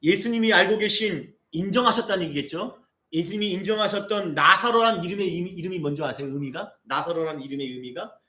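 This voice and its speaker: A man's voice: high voice, fast, pushed and bright. A male pastor in his forties preaching a sermon, firing rhetorical questions at the congregation and building to impassioned appeals. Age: 40s. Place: church sanctuary. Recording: echoey church sanctuary.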